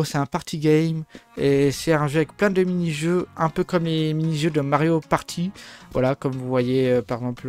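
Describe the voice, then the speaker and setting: A man's voice: fairly high pitch, clear, resonant tone. A man whose first language is French, casually rambling through game overviews with jokes, many fillers and restarts. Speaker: gaming video host.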